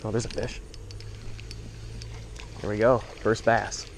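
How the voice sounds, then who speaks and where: A young man filming himself bass fishing at a pond, chatting to viewers in slangy, excited bursts. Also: takes it slowly, a little hiss or hum, low-quality recording. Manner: excited, slangy, talks to viewers as bro and dude. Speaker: fishing vlogger. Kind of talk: casual commentary while fishing. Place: outdoors by a suburban pond. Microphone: head-mounted action camera.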